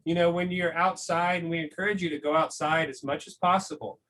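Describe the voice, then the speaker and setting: A man's slightly high, somewhat bright voice moves briskly and fairly evenly as he reads a picture book aloud to school families. Between passages he chats encouragingly and conversationally, often adding "right?". The recording is low quality with noticeable background noise.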